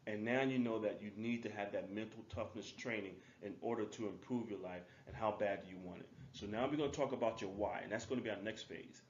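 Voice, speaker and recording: A man's voice: fairly low pitch, darkish tone, slight background noise. Male life coach, punchy and repetitive, recorded in a roomy space on a dull lo-fi track. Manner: emphatic, repetitive, informal. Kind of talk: motivational webinar lecture.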